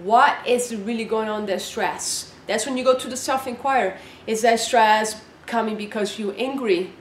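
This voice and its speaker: A woman's voice: a little high, normal speed, echoey room, slight background noise. A woman life coach giving earnest, encouraging advice, asking her listeners one question after another. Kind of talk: coaching talk to camera.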